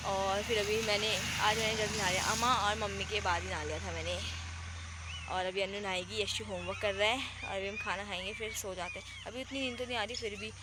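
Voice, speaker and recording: A woman's voice: medium pitch, fairly even intonation, a little fast. A young woman from India, rambling on about her day as a casual vlogger. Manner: chatty, rambling storytelling. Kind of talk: casual vlog narration. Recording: noisy outdoor phone audio.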